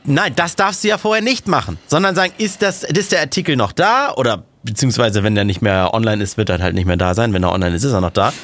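A man co-hosting a casual chat podcast, telling stories in an animated, joking way. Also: mid-range voice, fast talker, few pauses, dry recording. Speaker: podcast co-host.

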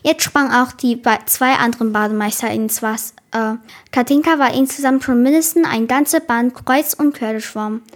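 A woman's voice: on the high side, normal speed. Woman reading a story carefully. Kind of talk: reading a book aloud.

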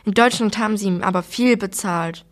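A woman reading as a calm, sensible older brother. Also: mid-range voice, a little fast, natural voice. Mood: matter-of-fact.

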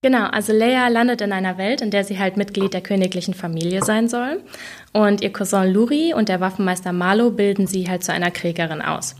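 Chatty German-speaking author, mid-pitched. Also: female voice, fairly quick, a little hiss or hum. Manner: chatty, many fillers, then even-paced reading. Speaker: author and guest. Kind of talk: casual interview chat and reading aloud.

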